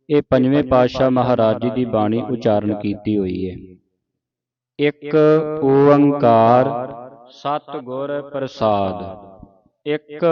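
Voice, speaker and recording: A man teaching scripture recitation, drawing out each syllable and correcting how words are said. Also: medium pitch. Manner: drawn-out, syllable-by-syllable enunciation, correcting pronunciation. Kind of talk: slow pronunciation lesson. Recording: dull lo-fi sound with group noise behind.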